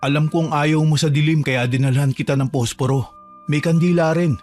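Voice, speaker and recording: A man voicing a calm, protective gardener who reassures a trapped girl in a horror drama. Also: moderate pace, close to an everyday voice. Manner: calm, reassuring, low-key. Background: faint music.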